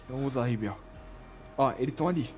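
A man chatting through a roleplay game, who keeps urging the others to stay calm. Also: mid-range voice, fast talker, soft background music. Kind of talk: casual roleplay gameplay chat.

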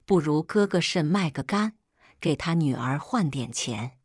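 A woman's voice: sits low, animated, a little slow, a little mellow, no echo, clean studio sound. A woman doing a coy, taunting young rival. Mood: mocking. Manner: coy and mocking.

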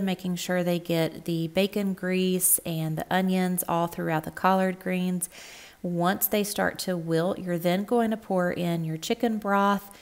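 A woman, hosting a home cooking channel and giving friendly step-by-step instructions in a cook-along voice-over. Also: on the low side.

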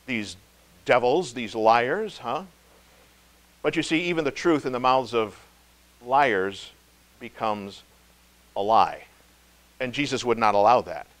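A male pastor giving a devotional sermon, emphatic, slowing to stress key words and dropping low and soft. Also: animated. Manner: emphatic, slow stress on key words, wide swings in loudness.

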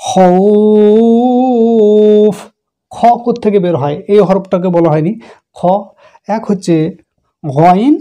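A man with a mellow, warm tone gives a recitation lesson. He is patient and explains each letter's sound step by step. He often repeats the sounds slowly before moving on. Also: high voice. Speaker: Quran recitation teacher.

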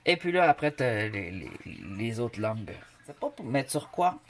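With an extremely low, sing-song voice at a moderate pace, a Canadian woman with a Québécois French accent chats and jokes while reading a paint label for a home craft video. This craft vlogger's casual product review has slight background noise, including a noisy pet bird.

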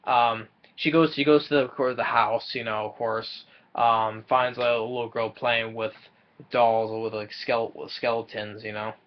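A man's voice: mid-range voice, steady tone, normal speed, lo-fi sound. A young man casually recapping a film's plot from a small room, often stumbling and repeating words as he goes. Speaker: movie reviewer.

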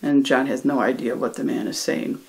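A teacher retelling a chapter of a novel for English learners in a relaxed, conversational way. The delivery is loose, with frequent restarts, and the characters' lines are acted out. The voice sits at an ordinary middle pitch. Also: moderate pace. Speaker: ESL reading teacher. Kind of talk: casual retelling of a book chapter.

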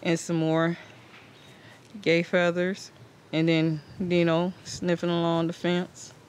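Fairly high-pitched and monotone, a man takes it slowly as he hosts a casual, conversational, rambling garden tour for his home gardening channel. Outdoor ambient noise comes through the handheld camera's microphone.

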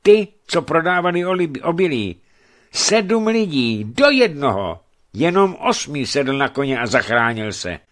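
A man's voice: sits low, wildly swooping pitch, gravelly, few pauses, slightly rough, heavily acted. A man voicing an urgent, breathless male messenger who calls out in a raised, pressing voice in a radio storybook reading.

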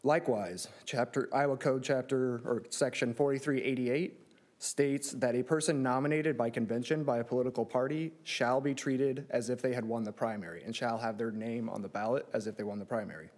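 A man's voice: medium pitch, fairly even intonation, fairly quick, darkish tone. A man in his thirties delivering a formal legal argument at a courtroom lectern. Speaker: lawyer arguing an appeal. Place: large courtroom. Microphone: lectern microphone.

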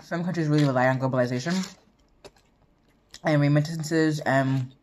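A woman's voice: low voice, steady tone, moderate pace, a little mellow. A woman vlogger chatting casually to viewers while eating, humming between bites. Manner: chats between bites with eating sounds and hums. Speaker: mukbang vlogger.

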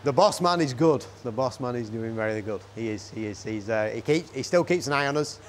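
A man who owns a farm contracting business, answering interview questions outdoors in a farm yard in a steady, agreeable way and often repeating his words. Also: medium pitch, a little fast, slight background noise.

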